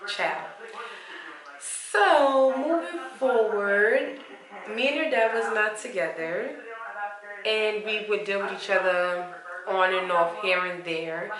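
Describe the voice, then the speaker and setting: A young woman vlogger telling her pregnancy stories frankly, with slangy, animated delivery that jumps in pitch whenever she acts out what people said. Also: takes it slowly, echoey room, a crowd in the background, poor audio. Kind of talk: candid storytelling to camera.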